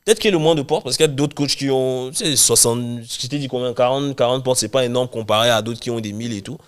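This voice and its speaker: A young man from Cameroon, a guest chatting casually in an interview, talking in quick run-on restarts. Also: medium pitch, smooth. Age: young adult. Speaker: guest, real estate investor and coach.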